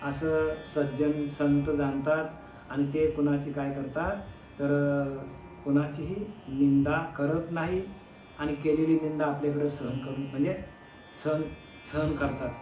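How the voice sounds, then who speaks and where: A man, a spiritual teacher, giving a devotional discourse. He asks rhetorical questions, answers them, and slowly chants verses. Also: a little high, level tone, warm tone, reverberant, faint music behind.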